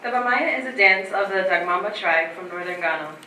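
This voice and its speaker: A woman's voice: on the low side, fairly quick, pushed and bright, slight background noise. A young woman student presenting a prepared introduction to a performance. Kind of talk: reading a prepared talk. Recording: roomy echo, distant from mic.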